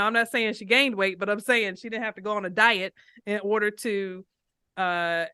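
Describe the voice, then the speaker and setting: A woman hosting a casual interview podcast, talking in an animated, playful way and addressing listeners directly. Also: mid-range voice, clear, resonant tone, no room sound, clean studio sound. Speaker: podcast host and financial coach.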